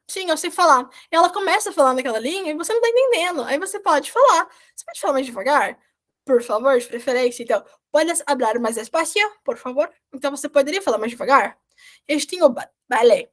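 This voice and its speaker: High-voiced Portuguese-speaking woman teaching Spanish. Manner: chatty, explanatory, often adds "tá, gente?". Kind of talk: recorded online language lesson.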